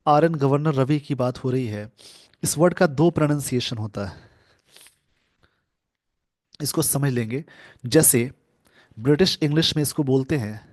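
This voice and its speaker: Teacher, man, mid-pitched, dry close sound, word-by-word explanation. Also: darkish tone, no room sound. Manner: explains word by word, reads English phrases slowly. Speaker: English teacher. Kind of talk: newspaper editorial lesson.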